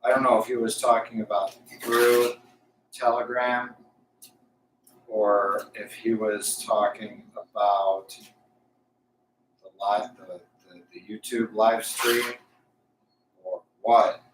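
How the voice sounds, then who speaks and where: A man live streaming casual, unscripted talk, thinking aloud haltingly as he tests a Bluetooth mic. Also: fairly low pitch, fairly even intonation. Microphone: Bluetooth lapel mic. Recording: echoey, distant Bluetooth mic, faint noise.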